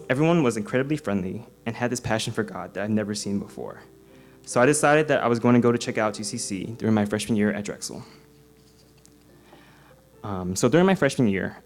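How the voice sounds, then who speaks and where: A man's voice: on the low side, darkish tone. Earnest young man giving a church testimony. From Singapore. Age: 20s. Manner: earnest, frequent ums and uhs. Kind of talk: prepared personal testimony. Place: church service.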